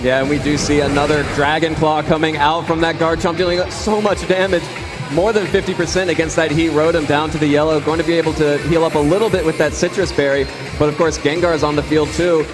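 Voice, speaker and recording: An esports commentator calls live play-by-play at a competitive gaming tournament in an event arena, his excitement rising toward big announcements. He talks fast in a fairly high voice, and the poor audio carries loud cheering and music under him.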